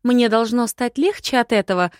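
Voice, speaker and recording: A woman voicing a sharp-tongued, defiant young heroine who answers with mocking retorts. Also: a little high, moderate pace, no room sound, clean studio sound, voice pushed up, close to an everyday voice.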